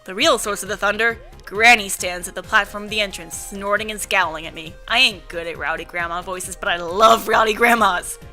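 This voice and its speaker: A woman's voice: mid-range voice, fairly even intonation, brisk, few pauses, sharp tone. A woman reading first-person visual novel narration as an amateur voice-over. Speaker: narrator and reader. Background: music.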